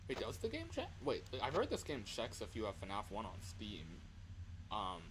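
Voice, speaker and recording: A livestreaming man plays a horror game, tossing out casual, slangy commentary and exasperated exclamations. His voice is lowish and swings hugely in pitch at a moderate pace, with background noise behind him.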